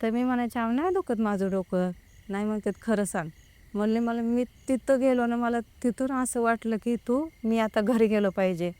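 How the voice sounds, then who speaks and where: Woman telling her story, clear and dry. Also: a little high, normal speed, a little mellow, no echo. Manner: retells with many quoted exchanges. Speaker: guest telling her experience. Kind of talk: casual spoken account.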